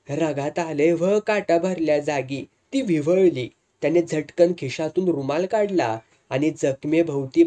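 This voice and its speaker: Mellow narrator reading a serial novel, calm steady telling. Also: medium pitch. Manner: steady, measured storytelling.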